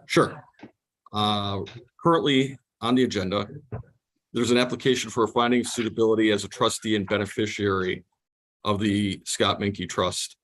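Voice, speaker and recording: Man, attorney, video call, choppy stuttering connection, polite, halting, lowish voice. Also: fairly even intonation, fairly bright tone. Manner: polite, apologetic, halting with fillers. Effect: choppy, stuttering video-call audio. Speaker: attorney appearing for an applicant. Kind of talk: formal remarks at a regulatory hearing.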